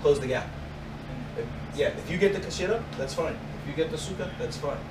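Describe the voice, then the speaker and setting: A man's voice: fairly high pitch, fairly quick, recorded from a distance. A man instructing a martial arts class, talking while he demonstrates moves and adding sound effects. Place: garage dojo with mats, indoors. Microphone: far camera. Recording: echoey room, heard from afar, loud noise.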